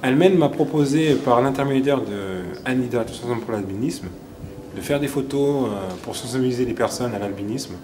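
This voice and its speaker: A man's voice: mid-range voice, a little fast. A young man in his twenties, a model, speaking shyly and candidly in an interview. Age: 20s. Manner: shy, candid. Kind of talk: interview testimony. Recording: noisy ambience behind.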